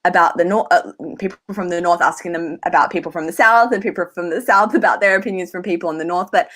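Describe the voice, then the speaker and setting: An Australian woman hosts a casual livestream chat, chatty and peppering her talk with lots of "like" fillers. Her voice is fairly low-pitched and a bit bright, and she speaks at a quick pace.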